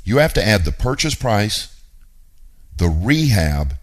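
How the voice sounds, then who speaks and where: Very low, slow-talking male host. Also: big pitch swings. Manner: emphatic, blunt, repeats key points. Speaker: radio show host. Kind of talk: teaching monologue on real estate investing.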